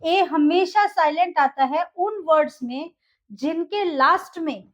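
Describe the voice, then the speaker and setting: A woman's voice: very high voice, slow pace. A woman teacher explaining English pronunciation in a video lesson, mixing in English phrases and often checking in with "okay". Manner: repeats words and checks in with "ok" and "dekhiye"; mixes Hindi with English phrases. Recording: slightly dull lo-fi audio.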